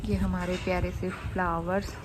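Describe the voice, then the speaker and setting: Home vlogger, woman, casual chat to camera, thinks out loud, light background noise. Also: fairly low pitch, flat delivery. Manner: chatty, thinking out loud with pauses.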